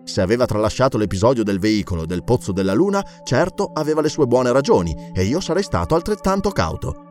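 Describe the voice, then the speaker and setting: Male audiobook narrator, animated pitch, fairly high voice, faint music under. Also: fast. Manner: expressive reading. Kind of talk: scripted narration.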